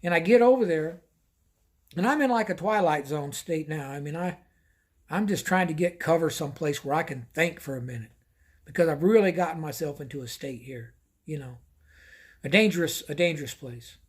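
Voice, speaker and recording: A man's voice: on the high side, animated, normal speed, husky. A man telling a casual first-person anecdote, rambling and often repeating himself. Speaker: storyteller.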